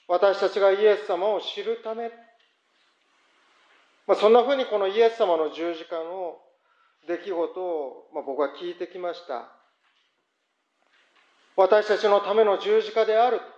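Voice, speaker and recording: A man's voice: high voice, darkish tone, reverberant, dull audio. A man, a pastor, leading a prayer and then preaching in an earnest, reflective way. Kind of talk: prayer and sermon.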